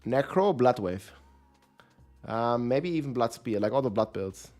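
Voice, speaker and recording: Man on livestream headset audio, lively. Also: medium pitch, a little slow, soft background music. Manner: thinks aloud, addresses chat directly. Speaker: game streamer. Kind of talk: casual livestream chat while planning builds.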